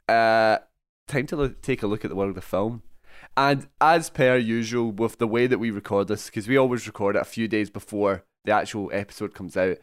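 A man's voice: on the low side, smooth, no echo, studio quality. A young Scottish man hosting a film podcast, joking and laughing often, chatty and rambling. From Scotland. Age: young adult. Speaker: podcast host. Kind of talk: casual film podcast chat.

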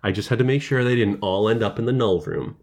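A man's voice: on the low side, quick pace, darkish tone, natural voice. A man voicing a cheerful young woman who teases her friends in a tabletop role-play. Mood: breezy.

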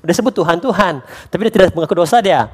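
A man preaching a lively sermon as a pastor, slipping English phrases into his talk. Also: high-pitched, very fast. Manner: acts out quoted voices for humor.

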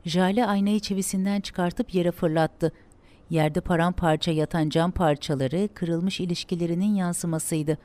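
A woman reading a dramatic story aloud in a steady, measured way. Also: on the low side.

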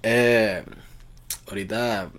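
A man's voice: lowish voice, steady tone, drawn-out words, a bit bright. Teasing podcast guy. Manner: teasing, mixes English into Spanish. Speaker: podcast co-host. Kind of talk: casual podcast banter.

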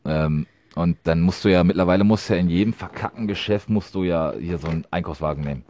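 A man's voice: low-pitched, fast, darkish tone, highs cut off, a little hiss or hum. A young man co-hosting a podcast, telling rambling stories in casual chat full of slang. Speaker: podcast co-host.

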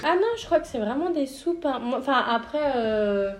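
A young woman chatting casually with friends, animated and full of fillers. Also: high voice, moderate pace. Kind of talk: casual chat among friends. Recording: roomy echo, faint noise.

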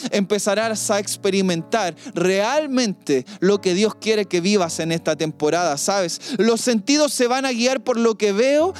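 A woman preaching a sermon in emphatic, repeating cadences, often stopping to ask her listeners a quick rhetorical question. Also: mid-range voice, a little mellow. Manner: emphatic, repetitive cadences, frequent rhetorical asides.

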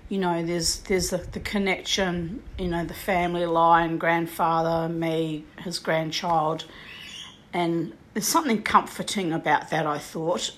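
A woman in her sixties telling a personal ghost story in a rambling way, full of "you know" and "like", now and then clearing her throat. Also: lowish voice, slow pace, fairly bright tone.

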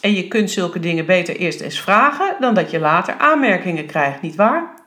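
A woman's voice: on the low side, sing-song, moderate pace, fairly bright tone. Woman reading as a male schoolteacher, fussy, officious, pedantic, storybook reading.

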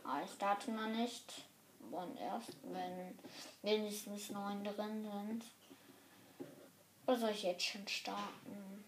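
A woman commenting live on her online game in German, excitable and swearing, often dropping to a whisper. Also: mid-range voice, slow, background noise. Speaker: gamer.

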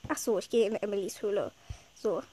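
Playing a game while fighting a head cold, a woman chats in a rambling, casual way, sniffling and leaning on fillers. She speaks fairly quickly in a mellow, medium-pitched voice, with slight hiss or hum in the background.

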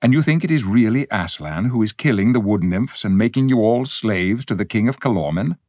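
A man reading an audiobook, voicing timid, frightened little mice in a squeaky, tearful voice. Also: animated, brisk, a little mellow, no room sound, low-quality recording. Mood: fearful, plaintive.

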